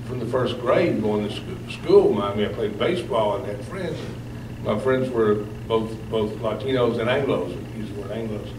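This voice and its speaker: A man from Texas, a political science professor, speaking on a panel and often repeating and restarting his words. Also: mid-range voice. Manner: rambling, repeats himself. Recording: echoey hall from far off, room noise.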